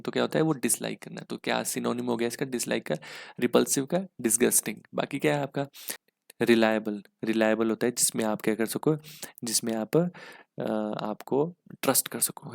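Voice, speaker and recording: A man teaching English for an exam in a mix, explaining step by step with rhetorical questions and spelling words out slowly. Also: mid-range voice, vocal fry. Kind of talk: exam-prep lesson in Hindi-English mix.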